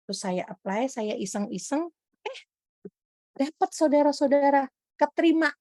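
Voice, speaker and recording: A woman from Indonesia preaching a testimony sermon in a high, bright voice. She tells her story with animated energy and keeps turning to speak straight to the congregation. The sound is dry and close. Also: normal speed, no echo.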